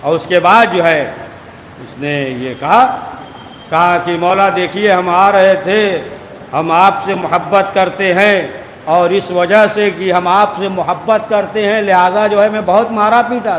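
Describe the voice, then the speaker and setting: High-voiced preacher in an echoey hall. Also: male voice, a bit bright. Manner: narrates a story with rhetorical tags and repeated filler phrases. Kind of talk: Urdu sermon storytelling. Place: large hall at a religious gathering. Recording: echoey hall with faint background noise.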